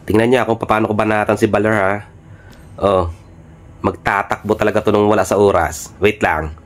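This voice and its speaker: A man giving live commentary on his own gameplay, excitable and trash-talking, swearing often. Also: lowish voice, moderate pace. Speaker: gaming streamer.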